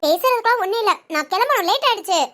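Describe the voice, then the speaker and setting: A performer voicing a bitter, defiant young bride who answers in sharp, curt retorts. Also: very high voice, animated, racing, heavily acted.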